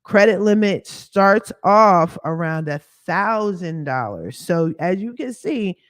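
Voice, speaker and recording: A woman with a hoarse voice, pitched lower by a cough that won't go away, walks viewers through a casual screen-share. She owns a credit repair business and talks frankly in slang, dropping sassy asides with lively intonation and a slow pace. The recording is dry and close on a computer mic, with no room sound.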